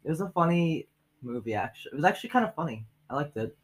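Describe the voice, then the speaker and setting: Jokey podcast host, laughing a lot. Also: male voice, a little high, very animated, fast, breathy edge, poor audio. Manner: jokey, laughs often, talks while eating. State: hiccups. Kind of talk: casual chat.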